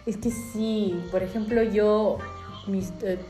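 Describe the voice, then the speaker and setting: A woman's voice: medium pitch, steady tone, takes it slowly, dark tone, faint music behind. Woman host in an echoey room. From Peru. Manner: chatty, asks follow-up questions. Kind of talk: casual interview. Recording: roomy echoey recording.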